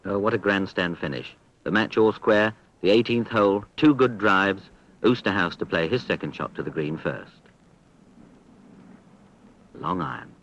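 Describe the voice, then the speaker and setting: A man giving measured, understated golf commentary on a 1970s archive sports broadcast. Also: low-pitched, a bit bright, lo-fi sound. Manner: understated, measured descriptions with appreciative exclamations.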